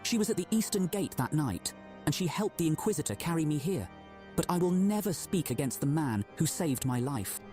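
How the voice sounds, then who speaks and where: A man's voice: fairly high pitch, expressive, moderate pace, warm tone, soft background music, natural voice. An actor playing a devout, wounded male knight who speaks in a stiff, proud and formal manner. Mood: indignant. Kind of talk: game voice acting.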